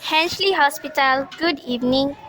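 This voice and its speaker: A teenage girl acting in a school radio play as a calm, formal hospital receptionist who keeps saying madam. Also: high-pitched, normal speed, lightly acted. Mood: polite. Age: teens. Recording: noisy recording.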